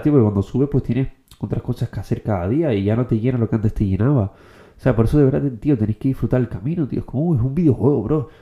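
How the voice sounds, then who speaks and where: A young man from the Canary Islands giving a casual motivational monologue, slangy and quick, forever dropping "tío" and "bro". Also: medium pitch, narrow, tinny audio. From Canary Islands, Spain. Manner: slangy, fast, keeps saying "tío" and "bro". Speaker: motivational content creator.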